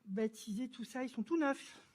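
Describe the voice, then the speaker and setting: A woman giving a church testimony, telling her story in a lively, chatty way and acting out the dialogue. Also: on the high side, normal speed. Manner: lively storyteller who acts out dialogue and laughs; chatty and informal, with frequent fillers.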